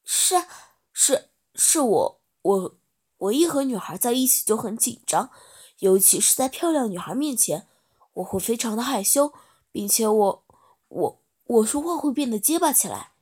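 A woman voicing a shy, stammering eighteen-year-old boy in a storybook reading, with a husky voice. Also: on the high side, big pitch swings, normal speed, a little mellow. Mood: nervous, pleading. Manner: stammering, nervous.

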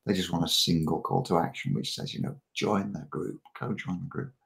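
A man's voice: deep voice, lively intonation, a little fast, vocal fry, fairly bright tone. A middle-aged man, a coach guest on a podcast, talking casually and often restarting and repeating words. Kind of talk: casual interview chat.

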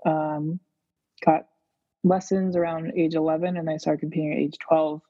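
A man's voice: a little high, normal speed, husky, no echo, muffled recording. A man in his thirties, a skating coach, answering interview questions steadily with fillers. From Massachusetts, USA. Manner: steady, flat delivery with fillers.

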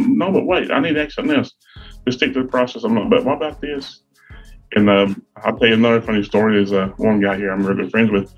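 Casting note: middle-aged man, husky and low, folksy storyteller, muffled audio. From Virginia. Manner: folksy, self-deprecating storyteller. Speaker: guest co-host, sales rep. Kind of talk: casual podcast chat.

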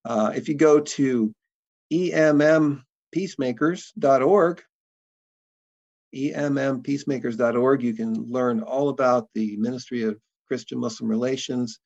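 A man speaking as an interview guest, talking thoughtfully and halting often with fillers. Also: mid-range voice, a little mellow, dull audio. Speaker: interview guest, documentary producer. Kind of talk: conversational interview.

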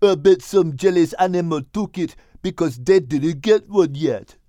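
A man voicing a gentle female animal soothing her husband in a soft voice. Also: on the high side, unhurried, dry recording, pitched above the performer's own voice, close to an everyday voice.

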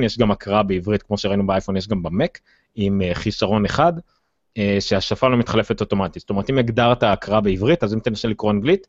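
A man with an Israeli accent hosting a casual tech discussion, speaking haltingly with many filled pauses. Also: on the low side. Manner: hesitant, halting delivery with frequent filled pauses. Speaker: tech podcast host. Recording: dull, roomy, lo-fi sound.

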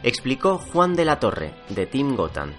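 A man reading a scripted news report with a measured, formal delivery. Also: mid-range voice, huge pitch swings, a bit bright. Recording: faint music under the voice.

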